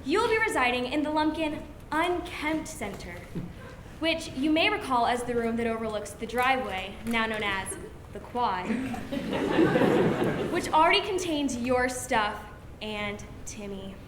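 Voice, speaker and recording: A young woman reciting a scripted comic monologue to an audience with prim, precise elocution and a mock-formal, deadpan delivery. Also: fairly high pitch, moderate pace, crowd noise. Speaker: student declaimer. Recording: noisy, echoey room recording.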